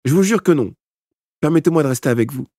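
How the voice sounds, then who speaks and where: A man's voice: on the high side, expressive, fast talker, mellow, no room sound, studio quality, voice pushed up. A man voicing a scared, tearful boy with a toothache who whimpers and pleads. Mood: pleading.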